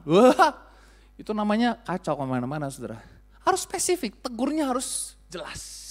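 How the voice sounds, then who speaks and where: A man's voice: very high voice, fairly bright tone. A pastor in his thirties preaches in an easygoing, chatty way. He jokes with the congregation and acts out the scoldings he quotes. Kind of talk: sermon.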